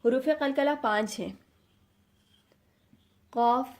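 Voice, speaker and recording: A woman teaching a Quran reading lesson, explaining patiently step by step and sounding out letters, with English words mixed into her Urdu. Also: on the high side. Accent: Pakistani Urdu. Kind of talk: explanatory lesson, addressing students.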